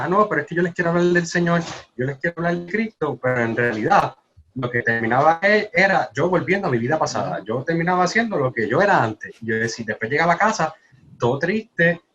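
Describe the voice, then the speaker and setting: A man, earnestly sharing a personal testimony as a podcast co-host, his voice often trailing off softly. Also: medium pitch. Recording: slightly muffled with faint background noise.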